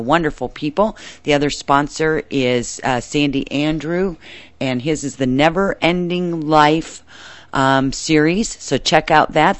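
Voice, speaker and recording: A woman's voice: low voice, dry recording. A woman presenting a radio talk show in an effusive, welcoming manner.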